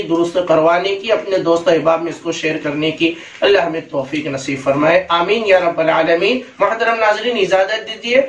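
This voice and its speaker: A man teaching Islamic prayer pronunciation, reciting Arabic phrases slowly and deliberately, then explaining the mistakes in quick speech. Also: sits high, fairly bright tone, reverberant, distant mic. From India. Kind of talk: religious lesson on correct pronunciation.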